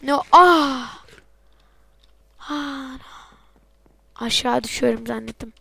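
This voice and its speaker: A woman giving excitable let's-play game commentary, swearing and breaking into sudden yells, her voice off from being sick. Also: high voice, takes it slowly, gravelly, breathy edge. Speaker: gameplay commentator.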